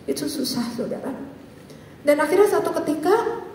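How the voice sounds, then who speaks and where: A high-pitched, middle-aged woman with a Jakarta accent gives a personal testimony to a church congregation. She tells her story with life and keeps turning to the listeners as brothers and sisters. Her voice rings through a large, strongly echoing hall and comes from well off the microphone. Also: expressive, normal speed, a little mellow, slight background noise. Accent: Jakarta Indonesian. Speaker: physician giving a church testimony. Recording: echoey hall, voice from far off.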